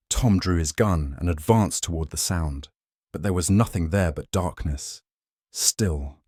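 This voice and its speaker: Slow, deep male suspense narrator. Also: darkish tone, husky, no room sound, studio quality.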